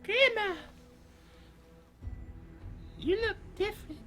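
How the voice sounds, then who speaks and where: A man's voice: very high-pitched, lively intonation, slow pace, pushed and bright, faint music behind, pitched above the performer's own voice, full character voice. A man voicing an innocent, plaintive little girl from a storybook. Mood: puzzled.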